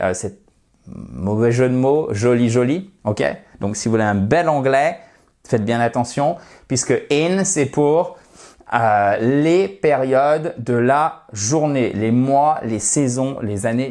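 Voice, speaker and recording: A man explains English grammar in a lively classroom manner. He jokes a little and slows deliberately to model English phrases. His voice sits at an ordinary middle pitch. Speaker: English teacher. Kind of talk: teaching English grammar in French.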